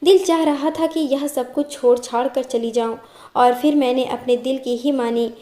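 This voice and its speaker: A woman narrating a first-person family story in a steady, even reading voice, voicing the quoted dialogue herself. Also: high-pitched, normal speed, roomy sound.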